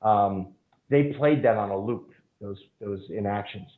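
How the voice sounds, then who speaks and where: He has a lowish voice and a measured pace, rambling through long casual stories as a podcast guest. The speaker, a jiu-jitsu instructor, fills his talk with fillers and swearing, and the interview audio is narrow-band, like a phone.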